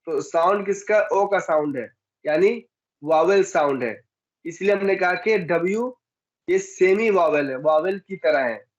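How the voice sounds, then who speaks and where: A man from India teaching an English lesson, who repeats example words slowly and asks and then answers his own questions. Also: high voice, dull audio. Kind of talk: classroom lesson.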